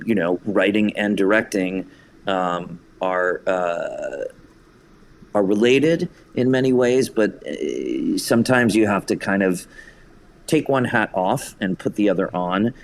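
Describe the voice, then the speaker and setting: An American theater writer and director, a podcast guest, reflects on his creative work. His voice is low and creaky, and he takes his time.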